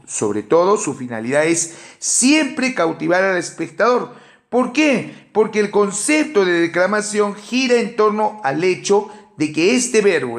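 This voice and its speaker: A man with a Peruvian Spanish accent giving a measured academic lecture, working through a numbered list of points. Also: high voice, vocal fry. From Peru. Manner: measured explanatory delivery with enumerations and fillers. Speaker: teacher.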